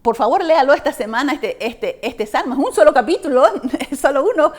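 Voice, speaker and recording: A woman's voice: high-pitched, animated, brisk. A woman co-teaching a church Bible study in a conversational way, often checking in with rhetorical questions.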